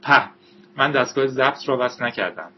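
A man voicing a playful, mischievous young man who teases and gets excited in a storybook reading. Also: medium pitch, dull audio, a little hiss or hum, natural voice. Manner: teasing, excited.

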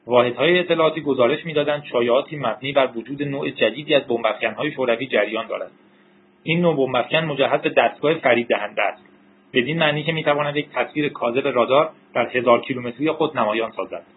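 Brief: male narrator, husky and even, phone-like lo-fi audio. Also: medium pitch. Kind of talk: scripted narration. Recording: tinny narrow-band recording.

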